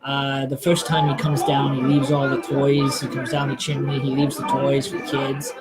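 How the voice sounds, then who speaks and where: A man's voice: medium pitch, completely flat delivery, moderate pace, loud music behind the voice, rough recording. A man hosting a live stream, chatting casually and hesitantly, with many fillers and restarts. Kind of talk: casual rambling chat.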